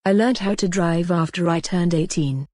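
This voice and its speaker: A woman teaching English grammar, reading example sentences slowly and clearly in a scripted lesson. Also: fairly low pitch, darkish tone, dry recording, clean studio sound. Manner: slow, clear, deliberate reading.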